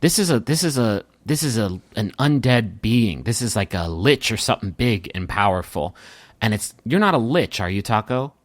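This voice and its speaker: A man voicing a gentle, smitten male reaper who talks in halting restarts. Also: fairly low pitch, animated, dry recording. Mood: puzzled.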